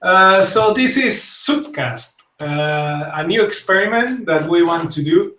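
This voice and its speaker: Spanish-accented male host, young, slightly high voice, slow and hesitant, roomy distant sound. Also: animated, bright, forceful tone. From Spain. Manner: hesitant, many fillers and restarts. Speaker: talk show host. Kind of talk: casual live-stream talk show. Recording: echoey room, voice set back from the mic.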